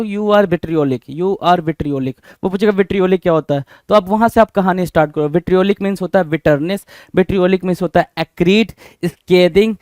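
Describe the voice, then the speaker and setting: Energetic high-voiced vocabulary teacher. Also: male voice, clean tone, no echo, studio quality. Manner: energetic, drills words with repeated questions. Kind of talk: exam-prep vocabulary lesson.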